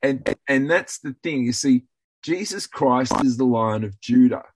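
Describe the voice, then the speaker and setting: Husky man telling an earnest story. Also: medium pitch, measured pace, no echo, low-quality recording. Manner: earnest storytelling with many restarts. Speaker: guest.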